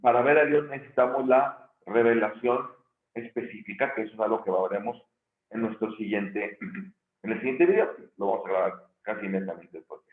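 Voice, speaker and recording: A man's voice: lowish voice, a little fast. A man teaching a recorded theology lesson, thinking aloud and correcting himself often. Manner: thinking aloud with frequent restarts and self-corrections. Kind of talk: recorded video lecture. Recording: echoey room, tinny phone-like sound.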